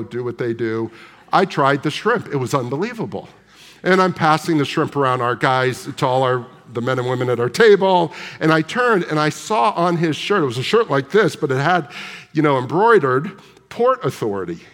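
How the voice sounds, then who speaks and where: A man's voice: medium pitch, animated, moderate pace, a bit bright. A man preaching a sermon, telling a story in a conversational way and putting questions to the congregation. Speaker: pastor. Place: large church sanctuary. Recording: long hall reverb.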